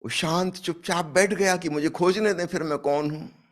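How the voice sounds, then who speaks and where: A man's voice: a little high, normal speed. A man giving a spiritual discourse, telling a parable and acting out its dialogue with emphatic rises. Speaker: spiritual speaker.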